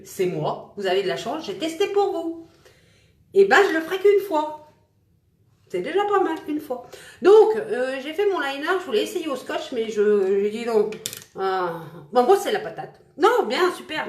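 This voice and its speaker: A woman's voice: a little high, very animated, moderate pace, a little mellow, reverberant. Chatty, self-mocking woman doing makeup. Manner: chatty, self-mocking, talks to viewers while applying makeup. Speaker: makeup vlogger. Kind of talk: casual makeup tutorial livestream.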